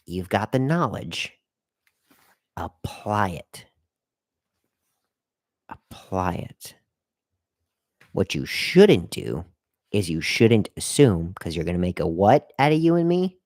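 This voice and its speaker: Man, casual live-stream talk, rambling and repetitive, low voice, dry close sound. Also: sing-song, unhurried, darkish tone, no echo. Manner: rambling, repeats himself, talks straight to the chat; hiccuping and burping at times. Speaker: live-stream host giving airport career advice.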